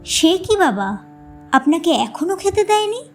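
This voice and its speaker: Woman doing a soft-spoken father past fifty, gentle, mildly reproachful, high voice. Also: sing-song, unhurried, faint music behind, full character voice. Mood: puzzled.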